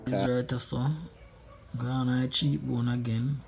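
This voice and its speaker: A Jamaican man gives a casual, humorous commentary in a husky voice with plenty of creak. He speaks in Patois slang and repeats short phrases to drive them home. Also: medium pitch, little pitch movement, a little slow. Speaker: friend doing a makeup voice-over.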